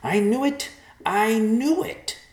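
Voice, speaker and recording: A sly male talking vulture, pitched way up into a thin, screechy register, teasing and boastful as he needles everyone around him. The storybook voice sits in an echoey room. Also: lively intonation, slow, full character voice. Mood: mocking.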